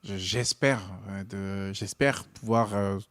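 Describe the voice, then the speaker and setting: A man's voice: lowish voice, slow pace, a bit bright, clean tone, dry recording, clean studio sound. A young man from Normandy chatting casually as a podcast guest, enthusiastic and full of fillers and restarts. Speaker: guest comedian and comedy club organiser.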